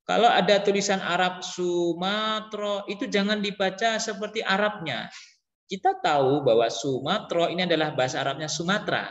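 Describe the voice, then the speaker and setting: A man teaching an Arabic lesson to a class, chatty and relaxed, asking pupils questions and repeating phrases slowly. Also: sits high, roomy sound, in a large hall, muffled recording. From East Java.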